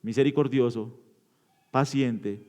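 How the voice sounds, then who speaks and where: A man's voice: fairly even intonation, slow. Questioning, emphatic male preacher. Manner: asks the congregation questions and answers them; swings between loud emphatic bursts and low quiet endings. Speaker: pastor. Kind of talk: interactive sermon teaching. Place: church.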